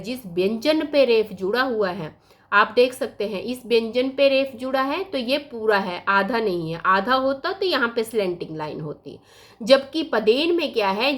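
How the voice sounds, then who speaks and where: Woman teacher going thru grammar real slow, kinda high voice, sounds out every letter. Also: a bit bright. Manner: patient, spells out sounds one by one. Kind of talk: slow blackboard lesson.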